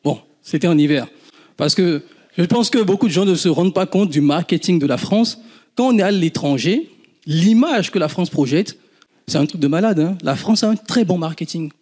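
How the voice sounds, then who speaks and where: A man in his thirties from Benin with a Beninese accent, an entrepreneur talking casually to an audience and telling animated stories with laughs. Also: high-pitched, moderate pace. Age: 30s. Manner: animated storytelling, laughs often, swears casually. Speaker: guest entrepreneur.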